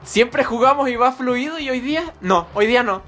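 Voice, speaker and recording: A man playing a soccer video game with a friend, excitedly calling the plays, repeating himself and laughing a lot. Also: very high voice. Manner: rapid repeated shouting and laughing. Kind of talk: excited gameplay chat. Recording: game music playing behind. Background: game music.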